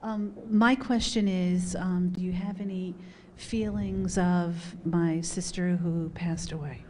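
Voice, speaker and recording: A woman in the audience asking a question, speaking softly and hesitantly. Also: lowish voice, steady tone, slow, slight background noise. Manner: soft and hesitant. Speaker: audience member.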